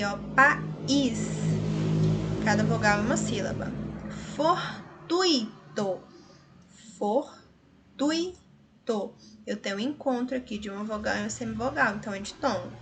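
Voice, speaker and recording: A woman's voice: on the high side, steady tone, brisk, noisy background. A woman teacher with a Brazilian Portuguese accent, working through grammar exercises and stretching out each word she analyzes. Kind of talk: grammar lesson solving exercises.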